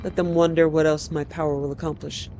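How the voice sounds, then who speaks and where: A man voicing a cruel, megalomaniac necromancer in a fantasy video game, theatrical and deliberate as he gloats grandly over his power. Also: on the high side, flat delivery, darkish tone, soft background music, natural voice. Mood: scheming, grandiose. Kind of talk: dramatic villain monologue in a fantasy video game.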